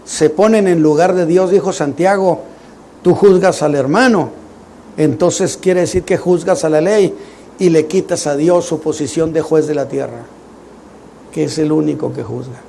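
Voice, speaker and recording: A man's voice: fairly high pitch, normal speed, creaky, mellow, a little hiss or hum. A middle-aged man, preaching a Sunday sermon in a conversational, joking way full of rhetorical questions. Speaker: pastor.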